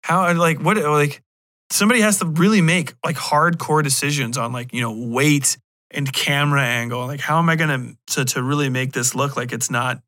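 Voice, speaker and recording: A podcast host with a fairly high voice rambles casually through review talk at a moderate pace, swearing bluntly and irreverently and tossing in animated joking asides where he acts out imagined remarks. The sound is clean studio quality with no echo.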